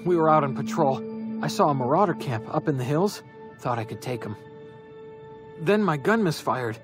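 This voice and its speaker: An actor playing a wounded, hapless corporate guard in a video game, chatty and colloquial in a pained way. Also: male voice, on the high side, animated, moderate pace, music in the background, close to an everyday voice. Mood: pained, rueful. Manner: colloquial, slogan-reciting, pained. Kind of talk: video game character dialogue.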